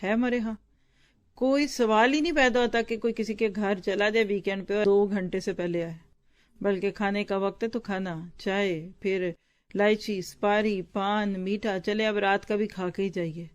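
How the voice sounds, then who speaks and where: A woman's voice: mid-range voice, fairly even intonation. A woman Islamic teacher reading from a book to her students and explaining it, stopping to ask and answer what words mean. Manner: pauses to explain word meanings with quick questions to the class; conversational, addresses listeners directly.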